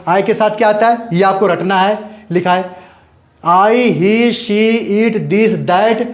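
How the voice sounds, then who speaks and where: A man's voice: high-pitched, echoey room. A man teaching an English grammar lesson, explaining step by step, repeating points and asking and answering his own questions.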